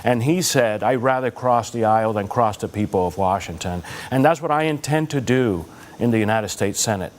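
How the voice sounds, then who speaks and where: A man's voice: fairly low pitch, moderate pace. A man from Cuba answering a debate question in an earnest, personal way. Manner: earnest, personal, some hesitation. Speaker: debate candidate.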